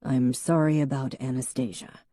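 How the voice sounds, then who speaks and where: A plain, apologetic young man read by a woman narrator, hardly set apart from the reading voice. Low, dark and dry, close to the mic in an audiobook. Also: fairly even intonation, moderate pace, dry recording.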